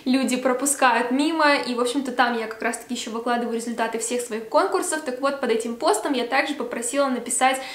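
A woman's voice: on the high side, fast, few pauses, reverberant. A woman of twenty-five from Belarus, talking casually to camera in a Q&A vlog at home, full of fillers. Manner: chatty, many fillers. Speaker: beauty vlogger. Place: room at home by a Christmas tree.

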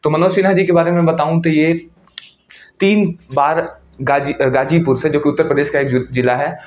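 A man gives an informal explainer lecture in a chatty, teasing manner. His voice sits a little high. The recording sounds roomy and dull, like cheap lo-fi gear. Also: fairly even intonation, moderate pace. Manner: chatty, teasing, with frequent "ठीक है" tags. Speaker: educational channel host.

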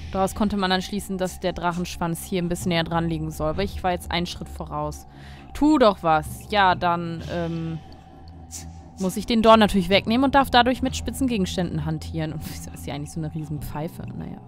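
A woman's voice: lowish voice, a little fast, soft background music. A woman let's player giving casual commentary, thinking aloud as she plays. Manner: thinks aloud, reads item names out.

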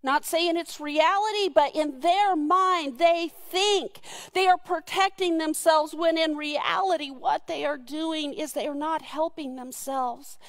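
A middle-aged woman preaching a sermon, telling a story earnestly with soft laughs. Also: sits high, fairly even intonation, a little slow.

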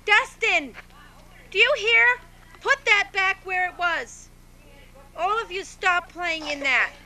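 A woman heard through an old VHS home video, her very bright, high voice picked up by the camcorder's own mic. She talks at an easy pace and gives the children firm orders. Soft tape hiss sits under everything. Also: takes it slowly. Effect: old VHS home video sound. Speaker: family member filming a home video. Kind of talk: casual family chat. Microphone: camcorder's built-in mic.

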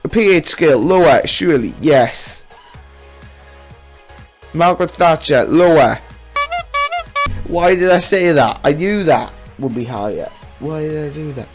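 A man's voice: fairly high pitch, lively intonation, measured pace, long pauses, faint music behind. A young man hosting a casual gaming challenge, exclamatory and self-mocking, speaking close to a studio mic. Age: young adult. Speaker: video host. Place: small room at home. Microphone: studio condenser mic with pop filter, close up.

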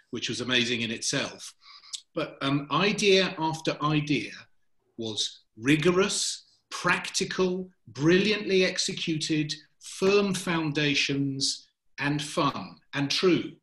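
Slow, bright-voiced male mentor in an echoey room. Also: fairly high pitch. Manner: measured, halting, earnest. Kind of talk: giving feedback.

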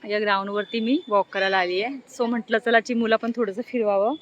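A woman's voice: mid-range voice, fairly even intonation, brisk, lo-fi sound, a little hiss or hum. A middle-aged woman vlogging casually outdoors on an open ground, chatty and doting as she coos at her pet cat. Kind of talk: casual vlog chat.

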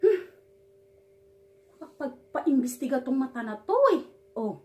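A woman's voice: high voice, expressive, takes it slowly, mellow. A woman from the Philippines vlogging a reaction, scolding and mocking with sarcasm, often stumbling and repeating words. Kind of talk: ranting reaction vlog.

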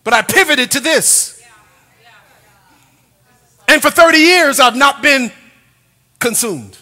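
High, bright-voiced older male preacher. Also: lively intonation, slow pace. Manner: humorous, shouting emphasis, call-and-response. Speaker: pastor. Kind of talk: sermon. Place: church sanctuary. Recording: long church reverb.

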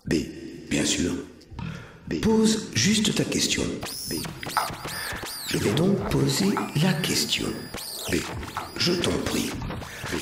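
A man giving a slow, measured dramatic reading of a dialogue, shifting between characters, heard from a distance in a roomy space with music behind him. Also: medium pitch, wildly swooping pitch, creaky, very noisy. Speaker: reader.

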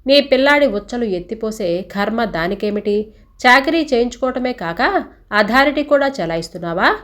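A woman's voice: a little high, lively intonation, normal speed, a bit bright. A woman storyteller voicing an older widowed mother-in-law who berates her daughter-in-law and pities herself. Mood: berating. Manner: berating, then wailing. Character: older widowed mother-in-law, sharp-tongued and self-pitying.

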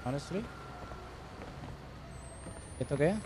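Male streamer, slightly high voice, jokey, prone to startled yelps over a noisy background. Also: expressive, slow. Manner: jokey, mixes in English words, yelps when startled. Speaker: gaming streamer. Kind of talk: live gameplay commentary.

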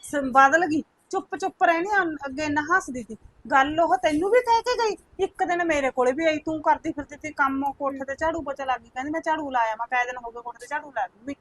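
An actress playing a talkative mother-in-law in a village home, speaking with a Punjabi accent in a brisk, storytelling manner. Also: sits high, a bit bright. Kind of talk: village comedy skit.

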